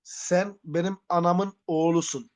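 A young man with a fairly high voice hurls crude threats on a live stream. He keeps hammering the same lines again and again, belligerent and relentless. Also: fairly even intonation, a little slow, darkish tone. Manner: belligerent, profane, repeating his threats. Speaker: livestreamer. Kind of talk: heated live-stream confrontation. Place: Antalya.

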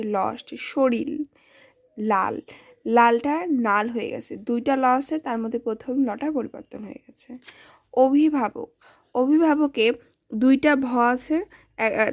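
Slow, gravelly-voiced woman teaching. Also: a little high. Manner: slow, deliberate, spelling out sounds with pauses and restarts. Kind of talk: spoken grammar lesson.

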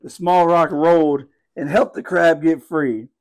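A woman's voice: deep voice, fairly even intonation, measured pace, a little mellow. A woman reading a children's campfire story aloud, then chatting playfully with her kids. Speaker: family channel storyteller.

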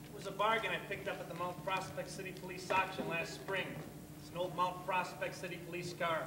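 A man playing a deadpan blues musician brother in a stage play, coaxing with matter-of-fact patter. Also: high-pitched, a little fast, natural voice. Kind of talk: amateur stage play acting. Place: theatre stage, camera far off. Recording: distant echoey hall, clear noise.

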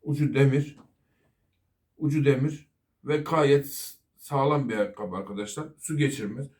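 Speaking at a normal speed with a medium-pitched, steady, darkish voice, a middle-aged master mechanic delivers a serious safety talk. He counsels his fellow workers and apprentices, repeatedly calling them "arkadaşlar".

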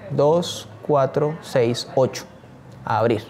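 A man's voice: mid-range voice, slow pace, a little mellow. A man teaching a screen-share tutorial, talking eagerly and straight to his viewers. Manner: enthusiastic, addresses viewers directly.

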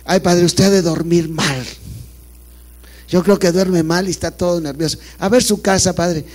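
Guy doing a sweet-talking rich narco, kinda high voice. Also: fairly even intonation, normal speed, a little mellow. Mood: coaxing. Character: wheedling rich drug lord, man.

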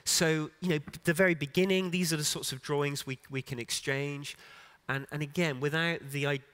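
A man's voice: a little high, steady tone, normal speed, a bit bright, clean tone. A middle-aged man giving an unscripted keynote talk on a conference stage, with frequent restarts and fillers. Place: conference stage in a large hall.

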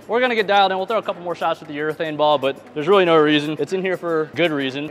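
A man's voice: a little high, a bit bright. A man in his thirties, a pro bowler, explaining his equipment casually while bowling in an alley, on a lapel mic. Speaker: pro bowler and video host. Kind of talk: casual instructional vlog. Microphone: clip-on lapel mic.

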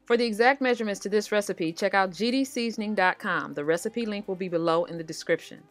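Speaking fast at a medium pitch, an American cooking show host walks viewers through a recipe, chatting casually as if directly to them. Music plays in the background.

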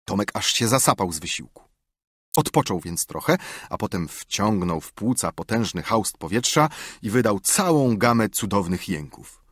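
A man narrating an audiobook with expressive, lively storytelling. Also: fairly low pitch, normal speed, husky, no room sound, studio quality. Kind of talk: scripted narration.

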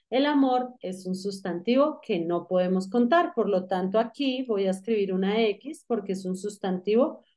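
A woman's voice: mid-range voice, darkish tone. A woman teaching an English grammar lesson, explaining patiently and asking the student questions as she goes. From Colombia.

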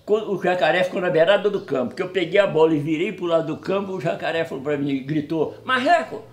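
A storyteller guest with a voice on the high side talks fast in an echoey room, casually recounting a funny anecdote. He's animated, acts out the dialogue, and laughs often along the way.

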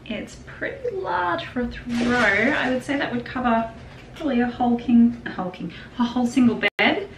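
A young Australian vlogger chats casually to the camera in her home craft room, doing a shopping haul while rambling a bit and laughing often. Her voice sits a little high, with lively intonation and a moderate pace. The room is echoey, with background noise.

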